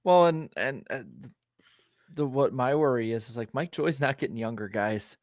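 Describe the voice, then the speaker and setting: A man's voice: medium pitch, normal speed, dry recording, clean studio sound. Rambling man co-hosting a racing show. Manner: rambling, many fillers and restarts. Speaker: podcast co-host. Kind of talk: casual motorsport chat.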